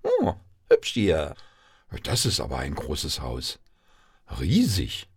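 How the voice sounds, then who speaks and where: A man's voice: wildly swooping pitch, slow, gravelly, breathy edge, exaggerated voice. A man voicing a chirpy, boastful female town mouse in a piping voice. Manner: squeaky, piping.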